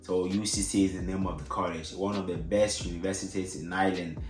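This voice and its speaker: A young vlogger whose first language is French gives casual advice in a loose, rambling way, with lots of restarts and fillers. His very low voice is flat and fairly quick. He records in an echoey room with faint music playing softly underneath.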